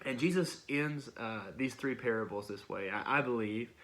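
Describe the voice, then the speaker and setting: A man's voice: mid-range voice, normal speed, fairly bright tone. A young man preaching a casual, conversational sermon, often restarting and repeating words as he talks it through.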